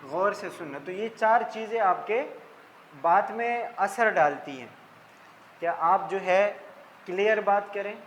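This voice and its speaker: A man's voice: high-pitched, a little slow, a little hiss or hum, poor audio. A man teaching a slide-based lesson who explains each term in simple words and keeps checking in with "ठीक है". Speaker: tutor.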